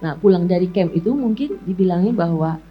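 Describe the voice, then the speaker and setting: A woman's voice: fairly low pitch, expressive, a little fast, slightly rough, highs cut off, faint music behind. A woman telling her personal church testimony in casual conversation, often addressing the host as "Pak". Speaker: talk show guest.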